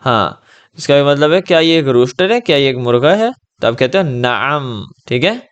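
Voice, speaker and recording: A man giving a patient one-on-one Arabic lesson over a video call, gently reassuring and checking in often. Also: mid-range voice, expressive, clear, resonant tone, highs cut off. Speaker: Arabic tutor.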